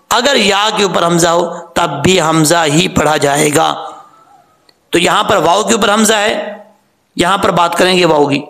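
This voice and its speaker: A man with a high, gravelly voice gives a Quran pronunciation lesson. He explains the rules plainly and draws out sounds slowly so learners can copy them. The room has an echo. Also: fairly bright tone. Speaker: Quran recitation teacher. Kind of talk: tajweed lesson.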